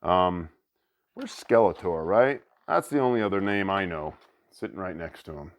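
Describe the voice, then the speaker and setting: Chatty man with a lively voice. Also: sits low, moderate pace. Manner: chatty and excited, thinking aloud. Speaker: board game reviewer and channel host. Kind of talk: casual unboxing commentary.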